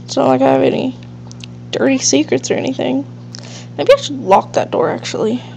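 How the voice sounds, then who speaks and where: This let's play host is a woman with a warm, high-pitched voice, brisk and full of vocal fry, chatting loosely about her game. Her speech is congested, nasal and sniffly as if from allergies. Faint hiss and hum come through on a dull, lo-fi mic.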